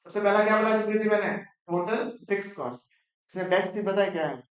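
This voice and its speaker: Male teacher, teasing, quizzing the class, roomy classroom echo. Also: high voice. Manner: asks the class quick questions, mixes Hindi and English; playful, teasing students. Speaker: economics teacher. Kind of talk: classroom lecture. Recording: echoey classroom.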